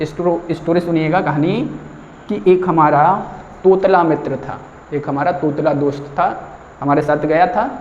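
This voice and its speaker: A male teacher, teaching with stories and asking and answering his own questions. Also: fairly high pitch. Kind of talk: tutorial lesson with story mnemonics. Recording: echoey, dull lo-fi room with faint noise.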